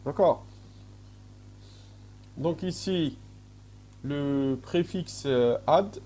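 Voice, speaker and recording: A man's voice: a little high, dark tone. A man with an Algerian French accent giving a recorded university lecture, hesitating often and checking in with his students. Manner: slow, checks in often with "d'accord?", many hesitations.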